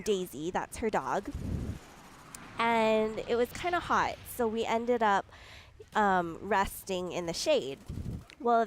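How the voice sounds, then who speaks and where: A woman's voice: mid-range voice, slight background noise. A young woman telling a casual, chatty story over gameplay, giggling and filling her talk with likes and ums. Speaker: gaming video creator.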